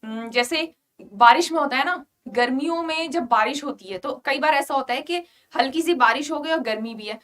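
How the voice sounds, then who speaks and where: High-voiced Indian woman teaching vocabulary. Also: moderate pace. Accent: Indian English. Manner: lively, repeats "clear?" to check understanding. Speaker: vocabulary teacher for exam prep. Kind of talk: online class lesson.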